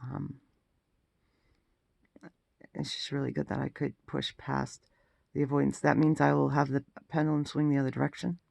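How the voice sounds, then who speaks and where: A man giving a casual personal health update, sounding exhausted and groggy, with a gravelly, croaky throat and a halting delivery that trails off. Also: fairly high pitch, darkish tone, dry recording. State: throat rough after intubation. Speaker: vlogger.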